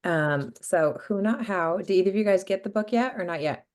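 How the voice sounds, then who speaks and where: A young woman with a sickly lowered voice, hosting a casual book club chat with lots of filler words. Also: fairly quick. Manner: chatty, many "like" fillers. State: sick, voice lowered.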